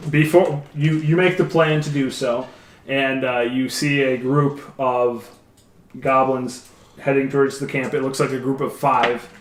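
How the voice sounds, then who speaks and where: A man running a tabletop game as dungeon master, narrating in a slow, halting way. His voice sits at a middle pitch. The room echo and faint background hiss are audible. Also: fairly bright tone. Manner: measured, halting narration with fillers. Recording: roomy echoey room, faint noise.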